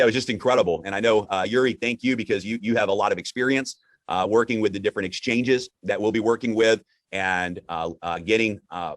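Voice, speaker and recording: Deep-voiced man hosting a live broadcast. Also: no echo. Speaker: host. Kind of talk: upbeat live broadcast presentation, conversational.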